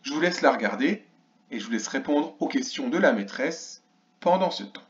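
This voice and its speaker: A man's voice: medium pitch, expressive, moderate pace. A man teaching a reading lesson to young children, stretching out each sound and syllable with exaggerated care. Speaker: primary school teacher. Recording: roomy, slightly dull recording.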